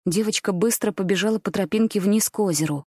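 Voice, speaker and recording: A woman reading a dark fairy tale aloud in a steady, measured storybook narration. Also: mid-range voice, dry recording, studio quality. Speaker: audiobook narrator.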